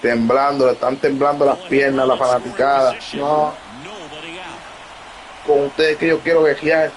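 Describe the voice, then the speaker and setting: A man giving excited live commentary as he streams a baseball video game, bursting into shouts and talking to his viewers. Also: mid-range voice, a little slow, poor audio. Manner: talks to his audience. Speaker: gaming streamer. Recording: loud stadium crowd noise from the game. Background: video game crowd sound.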